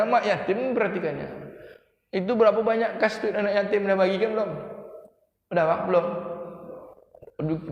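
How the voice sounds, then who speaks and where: A man preaching a lively sermon, questioning his congregation. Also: sits high, lo-fi sound. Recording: echoey hall.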